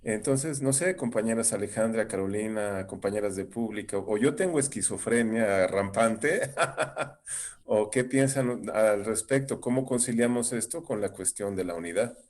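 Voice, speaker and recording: Man, moderator, measured delivery, rhetorical questions, panel talk. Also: fairly low pitch, darkish tone. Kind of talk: panel discussion.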